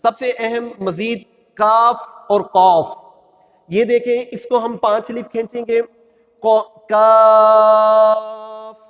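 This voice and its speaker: A man's voice: extremely high pitch, steady tone, takes it slowly, big-room sound, dull audio. A man teaching how to pronounce the letters of the Quran, patiently drawing out each sound in a sung recitation. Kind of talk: religious lesson on pronunciation.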